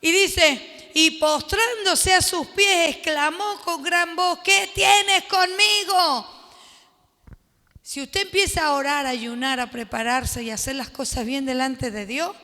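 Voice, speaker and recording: High slow-talking lady pastor doing bible study, laughs a lot, echoey room. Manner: animated, laughs often, acts out quotes.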